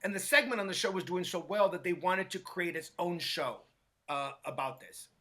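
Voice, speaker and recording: A man, a hairstylist guest, telling a story in an animated way and acting out what others said. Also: high-pitched, normal speed, background noise. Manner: acts out quotes with lively voices, many restarts.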